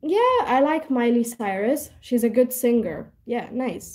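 Young Indian-accented woman, live Q&A host, relaxed unhurried delivery, Hindi-English mix. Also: a little high. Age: young adult. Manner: mixes Hindi and English, switching mid-sentence. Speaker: young motivational speaker answering live comments. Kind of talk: casual live Q&A, reading out viewer comments.

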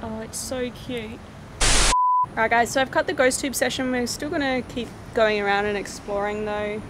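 A young woman with a fairly high voice chats casually while exploring a graveyard at night. She reads names off old headstones for her vlog. A steady hiss of outdoor noise sits under the recording. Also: normal speed. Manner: chatty, reading out names from headstones. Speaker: paranormal vlogger host.

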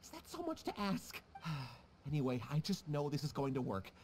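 An actor voicing an anxious, stubborn young writer in a video game, flustered and pleading. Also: male voice, fairly high pitch, wildly swooping pitch, normal speed, darkish tone, a little hiss or hum.

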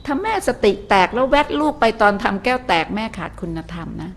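A woman's voice: medium pitch, lively intonation, a little fast. Older woman teaching a dharma talk, motherly, asks the crowd stuff, bit of faint hiss. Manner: gentle, motherly, asks the audience questions. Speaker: Buddhist nun teacher.

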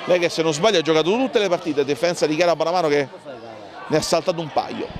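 A man giving excitable live handball commentary, calling out names and plays in bursts. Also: a little high, fast, a crowd in the background. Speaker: sports commentator.

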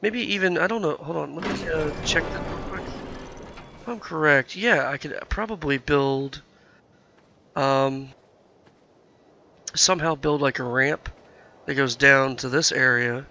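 Sick and sounding nasal and scratchy, a man provides casual let's-play commentary on his own gameplay, thinking aloud with many fillers. His voice is on the high side, gravelly, pushed and bright, unhurried and broken by long pauses.

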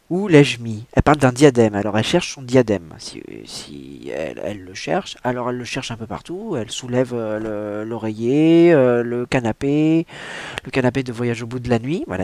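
A man's voice: mid-range voice, darkish tone, dry recording. A man hosting a homemade comic book show, rambling in a hesitant, self-mocking way with frequent fillers and restarts. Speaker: show host reading a book aloud.

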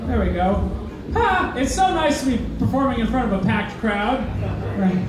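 High-voiced young guy doing awkward standup, roomy club sound from far back. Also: sing-song, moderate pace, noisy background. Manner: awkward, self-deprecating, hesitant with many uhs. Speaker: stand-up comedian. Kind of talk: stand-up set. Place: comedy club stage. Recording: echoey club, mic heard from far off. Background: crowd laughter and heckles.

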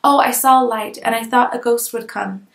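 A woman's voice: on the high side, steady tone, normal speed, creaky, roomy sound. A woman reading a classic novel aloud, voicing a frightened young girl who pleads tearfully. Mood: pleading.

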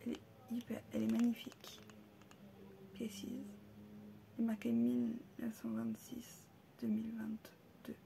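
A woman casually showing off souvenirs she bought on a trip, hesitant, with many pauses and fillers, and often dropping into soft half-whispers. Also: a little high, monotone, vocal fry, a little hiss or hum. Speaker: vlogger showing a shopping haul. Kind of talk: casual haul video.

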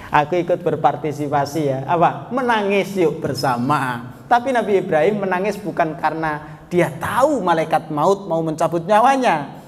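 A man preaching a storytelling sermon to a study group, chatting with the audience, asking them questions and calling them sir. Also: a little high. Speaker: Islamic preacher. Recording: long hall reverb, faint background noise.

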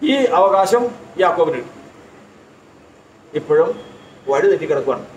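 High-voiced man preaching in an echoey hall. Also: a little hiss or hum. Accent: Keralite. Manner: rhetorical questions answered himself, emphatic repetition. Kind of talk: sermon. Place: church hall. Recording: echoey hall, distant mic.

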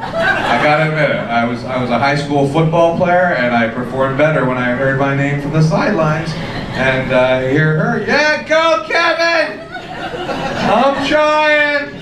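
A man's voice: medium pitch, moderate pace. A middle-aged man doing a stand-up set, telling self-mocking stories with false starts and restarts. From Canada. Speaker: stand-up comedian. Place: comedy club stage. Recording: echoey club recording from far off with loud audience noise. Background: audience laughter.

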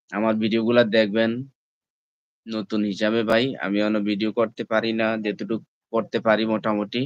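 A man hosts a casual live stream from his phone. His voice comes through smooth and clear, with a dry, close sound and no room echo. He keeps nudging viewers, calling them brother and friends. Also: lowish voice, a bit bright, highs cut off. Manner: repeatedly asks viewers to comment and like. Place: indoors, at home.

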